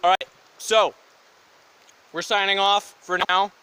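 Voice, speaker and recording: A young man with a high, bright voice co-hosts a casual podcast with his brothers. He jokes and rambles eagerly, his pace racing ahead and then dragging. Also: little pitch movement, slow pace, smooth, rough recording. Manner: upbeat, joking, rambling enthusiasm. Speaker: podcast co-host. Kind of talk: casual chat between brothers.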